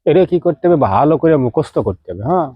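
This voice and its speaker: A man's voice: fairly high pitch, very animated, fast talker, no echo. A man speaking in an explains folk remedies to his viewers in an easy, chatty teaching manner. He breaks in with direct questions to his listeners as he goes. The recording is dry and dull, with a lo-fi tone. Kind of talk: casual spoken instruction to viewers.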